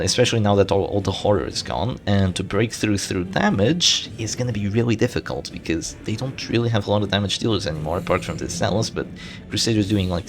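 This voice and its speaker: Low, animated gravelly man commentating gameplay. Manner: thinks aloud, hopeful and self-correcting. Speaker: gaming channel host.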